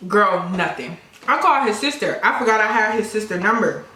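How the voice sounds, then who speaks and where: A woman's voice: mid-range voice, a little fast, slight background noise. A young adult woman vlogger telling a casual story while eating, speaking straight to her viewers and acting out other people's voices. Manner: animated storyteller who addresses viewers directly. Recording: echoey room.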